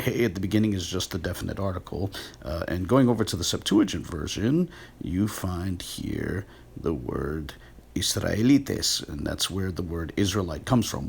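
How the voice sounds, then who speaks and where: A man giving a measured, scholarly walkthrough of sources shown on screen. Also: low voice, vocal fry, a bit bright, husky. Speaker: video essayist on biblical words. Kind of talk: screen-share explanation.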